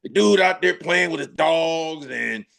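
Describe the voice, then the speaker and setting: A man's voice: a little high, animated, unhurried, vocal fry, a bit bright. A man guesting on a sports talk show, a former football player speaking in emphatic, slangy casual chat with laughing asides.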